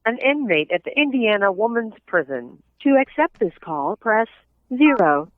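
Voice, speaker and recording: A woman's voice: medium pitch, sing-song, moderate pace, dry recording. A woman's recorded voice, an automated prison phone system message read in a formal, scripted way. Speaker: automated call announcement. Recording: tinny phone line, slightly distant.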